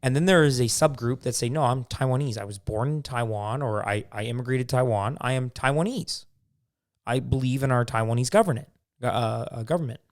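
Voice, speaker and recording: A podcast co-host with a mid-range voice speaks a little fast in casual chat. He offers firm opinions and explains them with everyday examples.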